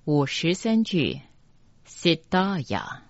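Pronunciation tutor, unhurried and methodical, mid-pitched voice, dry close sound. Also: very animated, no room sound. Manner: slow, deliberate, repeats each line syllable by syllable. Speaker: mantra chanting teacher. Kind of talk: pronunciation lesson. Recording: dull, dry lo-fi recording.

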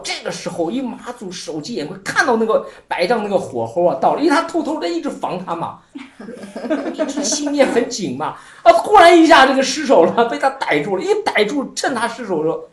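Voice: mid-range voice, sing-song, fairly quick. A Buddhist teacher giving a Chan dharma talk and telling an old koan as a story, laughing often and leaning on many filler words. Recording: echoey room.

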